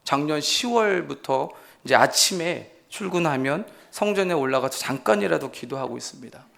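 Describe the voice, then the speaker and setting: A man's voice: a little high, lively intonation, normal speed, vocal fry, fairly bright tone. A man, an associate pastor, preaching a sermon emphatically and asking his congregation rhetorical questions.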